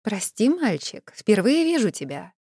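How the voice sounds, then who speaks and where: A woman's voice: mid-range voice, expressive, moderate pace, dry recording, clean studio sound, natural voice. A woman voicing a resurrected witch who sounds like a naive young girl, asking innocent questions. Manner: naive, bright, innocently curious. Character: revived old witch with a girlish ringing voice, naive.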